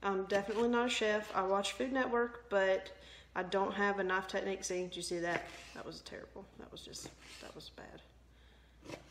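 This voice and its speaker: A woman's voice: medium pitch, level tone, brisk, few pauses, a little hiss or hum, poor audio. A young woman chatting casually in her kitchen for a vlog, rambling and poking fun at herself. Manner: chatty and rambling, self-mocking, laughs often. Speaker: vlogger. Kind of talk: casual chat. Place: home kitchen.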